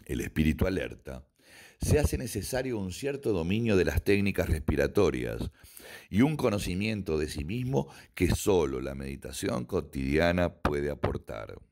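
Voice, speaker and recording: A man, a karate instructor, reading a written text aloud in a measured, deliberate way, sometimes correcting his own slips. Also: low-pitched, sing-song, darkish tone.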